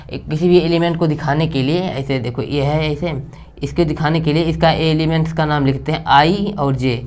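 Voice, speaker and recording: A man's voice: a little high, darkish tone. A young male math teacher giving a casual lesson at the board. He talks in a chatty, repetitive way, keeps checking that his students are following, and slips in jokes. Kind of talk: casual blackboard math lecture.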